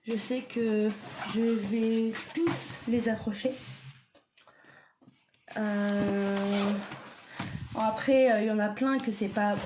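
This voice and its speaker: A young woman talking casually as she shows her collection, hesitant and full of fillers and self-corrections. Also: mid-range voice. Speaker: vlogger showing her diamond painting stock. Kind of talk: casual show-and-tell. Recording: clear background noise.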